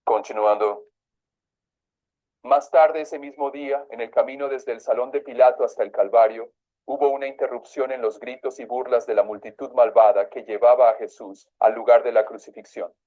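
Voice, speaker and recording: A man's voice: mid-range voice, fairly even intonation, moderate pace, warm tone, dull audio. A man preaching, reading a religious text aloud and breaking off to comment on it in his own words.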